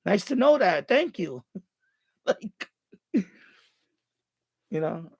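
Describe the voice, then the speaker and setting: Speaking very slowly, a man with a high, gravelly, somewhat dark voice swings widely in pitch, a breathy edge underneath. Puerto Rican by birth and Bronx-raised, he has a Bronx New York accent. On his live stream he chats loosely, reads out viewer comments, and keeps rambling and restarting his words.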